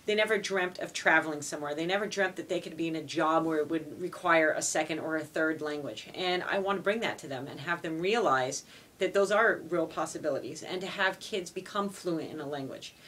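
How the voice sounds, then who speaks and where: Her voice sits on the low side with a fairly bright quality. A native French speaker from Montreal, Canada, she answers interview questions as a foreign language teacher, earnestly, with frequent "you know"s.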